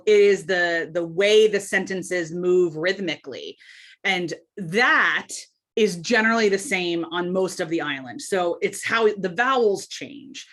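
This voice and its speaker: A woman from the United States, a guest on a podcast, talking in a chatty, animated way with quick asides and easy laughs. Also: fairly low pitch. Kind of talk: casual podcast interview.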